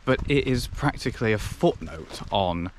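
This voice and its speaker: A man's voice: lowish voice, lively intonation, moderate pace, slight background noise. A young man filming a hiking vlog outdoors on a handheld camera, chatty and self-mocking, rambling through restarts. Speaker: hiking vlogger. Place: outdoors on a wooded fellside. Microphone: handheld action camera.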